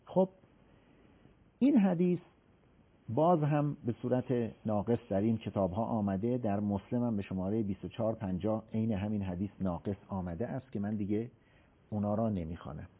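A man explaining a religious text in an interview, slowly reciting scripture and acting out the people he quotes. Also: on the low side, slightly rough. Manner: animated, acts out the people he quotes. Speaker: religious scholar explaining hadith. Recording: tinny phone-like sound.

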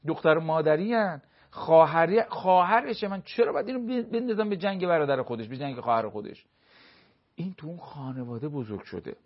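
A man's voice: fairly high pitch, husky. A man giving marriage advice as a religious expert on a TV program, lecturing emphatically and asking many rhetorical questions. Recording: dull lo-fi broadcast sound.

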